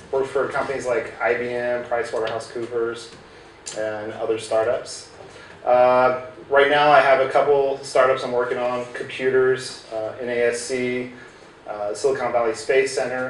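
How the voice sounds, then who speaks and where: This bright-ish, mid-range male voice belongs to a native English-speaking American guest at a hackerspace, lecturing informally on tech to a few people in an echoey little room with a projector. His delivery is chatty and full of "uh"s and false starts. Expect distant room sound and a faint hiss.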